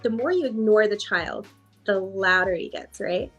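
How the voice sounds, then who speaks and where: A woman's voice: medium pitch, moderate pace, fairly bright tone, slightly rough, dull audio, faint music behind. A woman life coach answering in a podcast interview, reflective and repeating phrases for emphasis.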